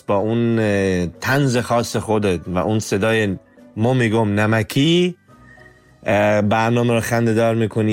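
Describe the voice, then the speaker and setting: A man with a southern Iranian accent leaving a leisurely voice message for a podcast. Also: lowish voice. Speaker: listener sending a voice message. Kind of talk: casual voice message.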